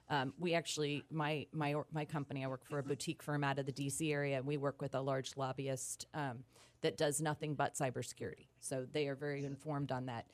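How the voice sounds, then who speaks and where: A woman speaking conversationally as an expert guest in a radio interview. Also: deep voice.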